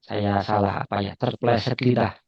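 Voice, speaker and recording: A man's voice: lowish voice, fairly even intonation, normal speed, gravelly, darkish tone. A man teaching Arabic grammar in an online class, patient and repetitive, sometimes laughing at his own slips. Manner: patient, repeats phrases, admits slips with a laugh. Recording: dull lo-fi online call audio.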